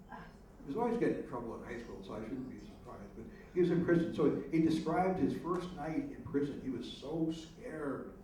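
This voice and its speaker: A man's voice: fairly high pitch, warm tone. Man telling jokes in an echoey hall. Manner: jokey storyteller, halting restarts. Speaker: speaker. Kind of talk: casual talk with questions. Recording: echoey hall from far off, hiss.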